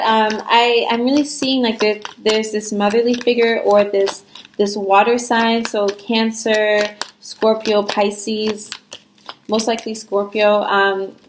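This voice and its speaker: A woman's voice: mid-range voice, reverberant, slight background noise, low-quality recording. A young woman giving a casual tarot reading, talking frankly and reassuringly with lots of fillers. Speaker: tarot reader.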